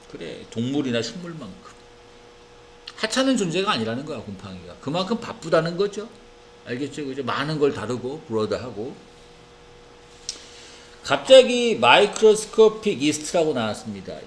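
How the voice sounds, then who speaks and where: With a voice on the high side and a touch of hiss or hum in the audio, a male teacher runs an English reading lesson in an academy classroom. His Korean-accented reading is lively, and he often checks in with students through tag questions.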